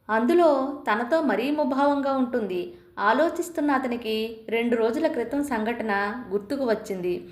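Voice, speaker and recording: A woman reading a story aloud in a calm, measured scripted narration. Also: a little high. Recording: roomy echo.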